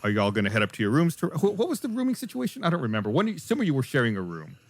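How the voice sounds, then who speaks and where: A man's voice: fairly high pitch, wildly swooping pitch, racing, slight background noise. A man narrating as game master in a playful way, often breaking into laughter. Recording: faint music behind.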